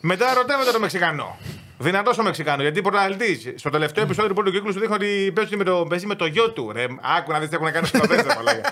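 Excitable high-voiced man retelling a series. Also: a little hiss or hum. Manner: excitable, rambling storyteller, laughs often. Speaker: podcast host. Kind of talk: casual chat.

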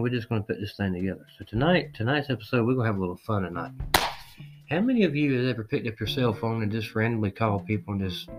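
Laid-back joking male podcast host. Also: fairly low pitch. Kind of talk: casual podcast chat and prank calls.

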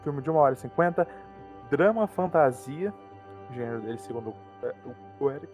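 A man co-hosts a film review, calmly steering the conversation and introducing each film. His voice is mid-pitched, with faint music in the background. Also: a little fast. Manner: easygoing, steers the segments. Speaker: co-host of a film review show. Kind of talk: casual chat.

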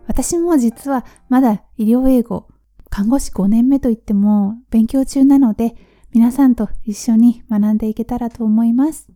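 A young woman nurse in her twenties giving a casual vocabulary lesson, chatty and relaxed, repeating terms slowly and letting phrase ends trail off softly. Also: fairly high pitch, soft background music. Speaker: nurse teaching medical English.

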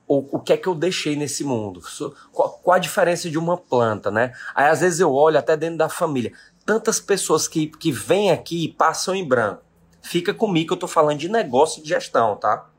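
A slightly fast, breathy-edged voice on the high side, with lively intonation, carries this man's motivational message. He is a Brazilian business owner in his late thirties who addresses his live-stream audience emphatically and repeats his key questions.

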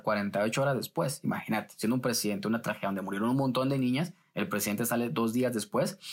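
Man, lively storytelling. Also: mid-range voice. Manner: lively retelling that acts out quoted exchanges. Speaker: journalist. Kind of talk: telling stories in a casual interview.

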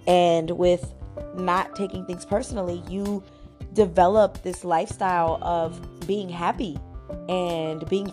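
Congested podcast host, woman, slightly low voice, chatty and giggly, faint music underneath. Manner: laughs often, chatty with fillers. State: congested, muffled voice. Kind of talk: casual podcast chat.

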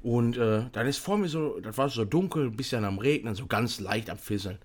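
A young man chatting casually, telling an animated story with lots of fillers and restarts. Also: mid-range voice, brisk. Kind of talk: casual chat.

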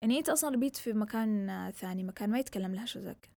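This young southern Yemeni woman hosts a podcast alone, talking very fast in a creaky, mellow, mid-range voice with no echo. Her chatter drifts freely and moves between English and Arabic, colored by a blend of Yemeni and Saudi Gulf accents.

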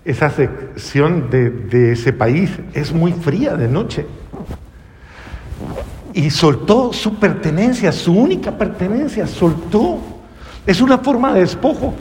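A man's voice: high voice, expressive, slow pace, big-room sound, a little hiss or hum. A man preaching a sermon, telling the story dramatically and acting out the voices in it. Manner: dramatic storytelling with acted-out quotes and big swings in loudness.

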